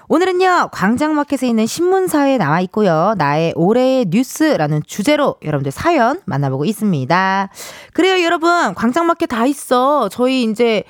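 A woman's voice: fairly high pitch, no echo, studio quality. A woman hosting a radio show, chatting playfully with a caller and laughing often. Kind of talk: casual radio chat with a caller.

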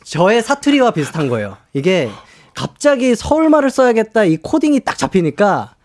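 Brief: upbeat male radio host, high bright voice with a wide, bouncy pitch. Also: normal speed. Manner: lively, laughs often, reads listener messages. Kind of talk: casual radio chat.

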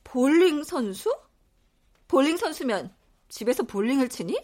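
An actress in her thirties playing a blunt, quick-tempered pregnant wife. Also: sits high, very animated, a little mellow. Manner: blunt and exasperated.

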